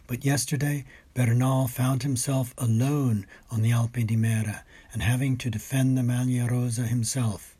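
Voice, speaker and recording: The speaker is a man who writes about food, wine and travel, here reading a scripted cycling race report with literary drama. His medium-pitched voice is mellow and slightly rough.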